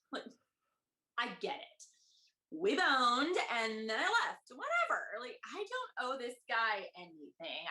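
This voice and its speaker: A woman's voice: sits high, sharp tone, full character voice. A woman playing a flippant, self-centred adventurer in improvised role-play, talking in a casual, defensive, exasperated way.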